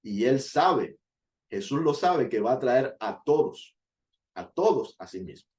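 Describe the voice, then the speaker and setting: Male Bible teacher, earnest and explanatory, mid-pitched voice, punches key words. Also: very animated, a little slow, darkish tone. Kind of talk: Bible study sermon.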